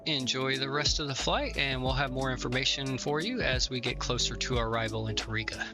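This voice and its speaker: A man playing an airline captain making calm, courteous cabin announcements from the cockpit. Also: mid-range voice, a little fast. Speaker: flight simulator streamer. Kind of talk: formal pilot cabin announcement. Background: hip hop music playing clearly.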